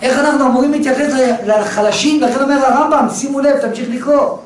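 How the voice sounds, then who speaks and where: Guy teaching torah, lots of rhetorical questions, far from the mic, roomy echo, faint noise. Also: extremely high pitch. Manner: animated storyteller, rhetorical questions. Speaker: religious teacher. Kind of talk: Torah lesson with a told parable. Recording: very echoey room, distant mic, faint noise.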